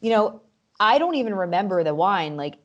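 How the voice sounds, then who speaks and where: A woman's voice: medium pitch, fairly quick, highs cut off. A woman with a New Jersey accent, a restaurant professional who talks casually as a podcast guest and acts out quotes as she tells stories. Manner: animated storyteller, acts out quotes. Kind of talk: casual chat.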